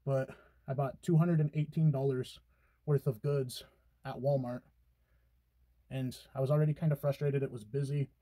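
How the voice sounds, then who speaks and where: Young man, casual and teasing, narrating makeup steps, dark tone, dry close sound. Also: mid-range voice, steady tone, normal speed, pauses often, no room sound. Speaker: boyfriend doing makeup on camera. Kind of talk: casual chat while doing makeup.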